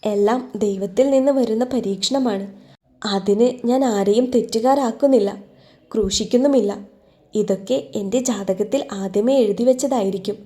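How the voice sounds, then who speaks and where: A woman voicing a patient young heroine in an audio love story, speaking in a gentle, comforting way. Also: medium pitch, normal speed, close to an everyday voice.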